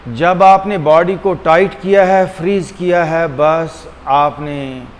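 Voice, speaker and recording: Long hall reverb and a faint hum surround this very slow guided meditation, led by a male yoga and meditation teacher. His slightly high voice stays fairly even in intonation as he repeats phrases deliberately, pauses often, and mixes Hindi-Urdu with English.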